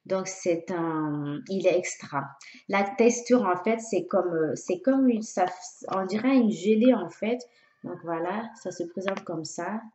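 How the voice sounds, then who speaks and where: A woman talking casually to her viewers in a product review vlog, hesitant with many pauses and fillers. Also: on the low side, warm tone, slight background noise. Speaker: beauty vlogger. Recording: echoey room, dull lo-fi sound.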